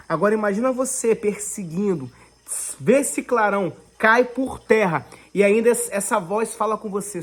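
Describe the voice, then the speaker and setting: Brazilian woman, fervent devotional preacher, husky mid-range voice. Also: medium pitch. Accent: Brazilian Portuguese. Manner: fervent, addresses listeners as brothers, swings between loud and hushed. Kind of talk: online Bible devotional preaching.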